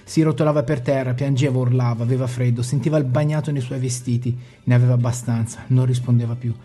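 A man narrating a dramatic story in a slow, intense delivery with heavy pauses. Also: mid-range voice, fairly even intonation, dark tone, slightly rough.

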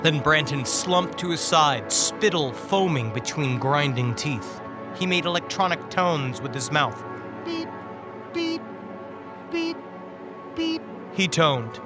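A man reading a dark comic story aloud, shifting his voice for the characters. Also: a little high, animated, measured pace, over music. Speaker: guest preacher reading a story.

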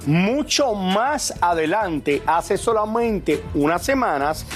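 A man's voice: high-pitched, animated, slow. A man giving conversational, emphatic celebrity gossip commentary as a television commentator. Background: faint music.

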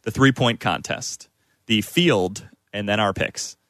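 A man's voice: lowish voice, takes it slowly, fairly bright tone, no room sound, clean studio sound. A man hosting a sports talk radio discussion.

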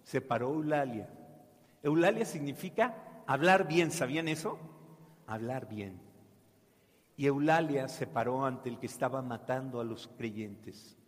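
A priest telling a saint's story to children in a church, asking them questions and having them answer back. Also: male voice, mid-range voice, unhurried. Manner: animated, asks children questions, call and response. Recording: echoey church hall.

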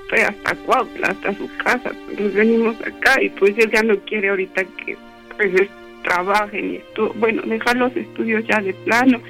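A man playing a tearful young woman in a radio prank call, halting and pleading. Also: sits high, fairly even intonation, bright, forceful tone, faint music behind. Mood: hesitant.

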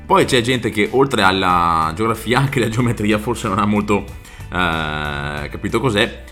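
Bright, forceful low-voiced man bantering on radio. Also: animated, measured pace, faint music behind. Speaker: radio show co-host. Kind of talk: casual comic banter.

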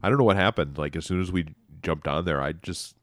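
Deep-voiced man hosting a podcast. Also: fast talker, dry recording. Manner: relaxed, rambling, dry humor. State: stuffy from allergies. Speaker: podcast host. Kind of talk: casual chat.

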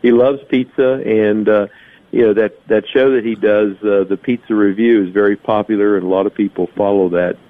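A man's voice: fairly low pitch, steady tone, fairly quick, dry recording. A man promoting an event as a guest, chatting casually over a thin phone line.

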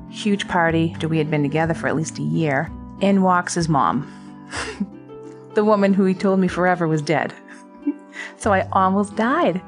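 A woman with a Boston accent tells stories in an animated way and often laughs. Her voice sits low for a woman. Faint music plays behind her. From South Boston. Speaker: interviewee. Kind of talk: casual interview.

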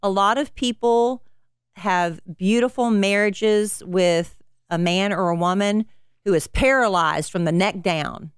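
A woman's voice: mid-range voice, a little slow, clear, resonant tone, no room sound, studio quality. A middle-aged woman hosting an advice podcast, giving frank, blunt advice in a casual, folksy way.

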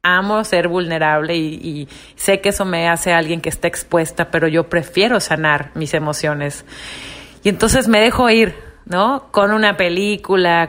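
A woman's voice: on the low side, fairly bright tone. A young woman hosting a reflective monologue podcast, earnest and confiding. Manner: earnest, confiding, acts out quoted voices. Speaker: podcast host.

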